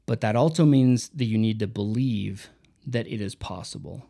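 A man's voice: fairly low pitch, normal speed, vocal fry, dark tone. A man talking through a book in a casual, reflective review, reading out quotes and mixing in personal stories.

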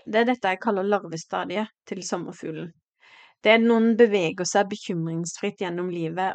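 A woman's voice: mid-range voice, no room sound. A woman in her forties speaking a heartfelt, reflective personal podcast monologue, with hesitant fillers and restarts. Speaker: podcast host.

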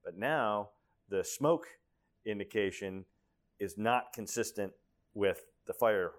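A man's voice: lowish voice, slow pace. A man interviewing a guest, recapping and checking the details of the story. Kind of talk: interview questions.

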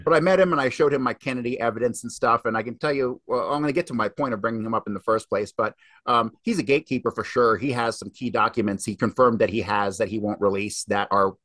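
A man's voice: mid-range voice, fairly bright tone, no room sound. Emphatic man swearing in casual talk. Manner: emphatic, swears often, fast rambling delivery. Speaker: podcast guest, researcher.

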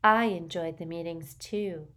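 A woman voicing a serene, oddly candid teenage witch who speaks slowly and dreamily. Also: on the low side, fairly bright tone.

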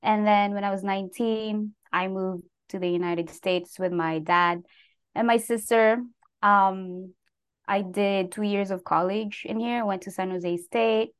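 A woman's voice: mid-range voice, unhurried, clear, resonant tone. A young adult woman from the Philippines, a guest talking casually in an interview with many filler words. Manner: relaxed, lots of "like" fillers, laughs between phrases.

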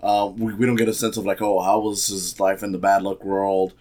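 Low-voiced man ranting about a movie. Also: level tone, fairly quick, a little mellow. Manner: rambling, sarcastic, frequent fillers. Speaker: film reviewer. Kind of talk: casual spoken movie review.

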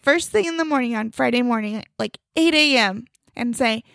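A woman co-hosting a casual podcast, an animated, teasing storyteller who laughs easily. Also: fairly high pitch, moderate pace, creaky, no echo. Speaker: podcast co-host. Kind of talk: casual chat.

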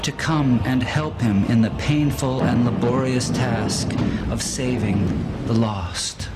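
A man's voice: medium pitch, over loud music. Solemn man reading a sermon vision. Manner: solemn, measured storytelling. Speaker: preacher.

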